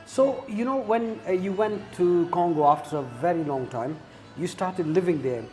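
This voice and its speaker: Halting male interview host. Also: high-pitched, darkish tone, soft background music. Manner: halting, many fillers and restarts. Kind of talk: casual interview. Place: coffee shop.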